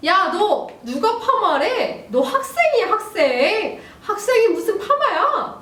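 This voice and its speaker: A woman's voice: high-pitched, lively intonation, fairly quick, pushed and bright, pitched above the performer's own voice. A woman voicing a strict middle-aged father who scolds his daughter with stern commands. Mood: scolding. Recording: roomy, distant mic, faint hiss.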